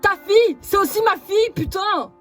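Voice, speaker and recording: A woman voicing a hot-tempered young husband who shouts and swears. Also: very high voice, lively intonation, moderate pace, faint music behind, pitched above the performer's own voice. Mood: furious.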